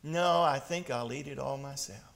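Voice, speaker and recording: A woman's voice: medium pitch, animated, takes it slowly. A man voicing a hardworking little hen in a storybook fable told in a sermon, keeping close to his own voice. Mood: plain. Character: hardworking little hen, patient and plain-spoken.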